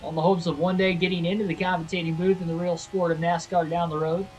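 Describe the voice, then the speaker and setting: A young man livestreaming a racing video game, doing excited play-by-play commentary in an announcer style and correcting himself as he goes. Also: sits high, fast talker, soft background music, poor audio. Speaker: livestream host and race commentator.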